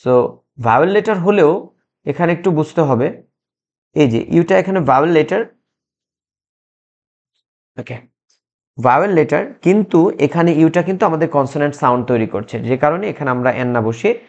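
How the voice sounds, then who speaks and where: A man teaching English grammar in a recorded lesson, explaining slowly and patiently with frequent restarts and fillers. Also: on the high side, animated, darkish tone. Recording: muffled lo-fi sound.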